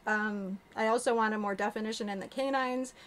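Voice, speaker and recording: A woman's voice: medium pitch, steady tone, moderate pace, fairly bright tone. A woman vlogging casually to camera, speaking with new dentures, candid and chatty with plenty of ums and likes. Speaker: vlogger sharing denture experience.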